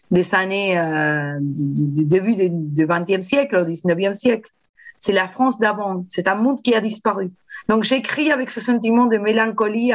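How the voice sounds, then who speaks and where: A woman novelist talking in a casual interview, animated and digressive, with frequent restarts and fillers. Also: medium pitch. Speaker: novelist guest.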